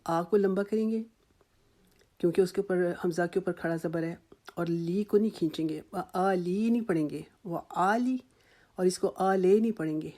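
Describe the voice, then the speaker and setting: Patient woman teaching recitation, mellow tone. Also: lowish voice. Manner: patient, reassuring, drawn-out model recitations between explanations. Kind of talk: slow instructional tajweed lesson.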